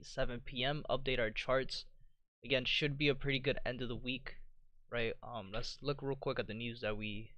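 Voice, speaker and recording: A man hosting a live trading stream, walking through charts in a relaxed way and often checking in with "you know" and "right?". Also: medium pitch, no echo. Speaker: trading livestream host. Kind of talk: live market commentary.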